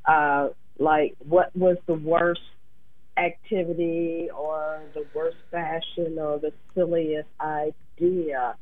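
A woman co-hosting a casual radio talk show, her voice scratchy, pausing often with fillers and restarts. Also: lowish voice, gravelly, no echo. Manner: halting, many fillers and restarts. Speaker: co-host. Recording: tinny phone line.

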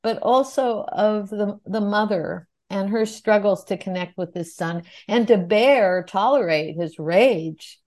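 A woman's voice: medium pitch, unhurried, hardly any pauses, darkish tone. A woman interviewer asking thoughtful, articulate questions in long, flowing sentences.

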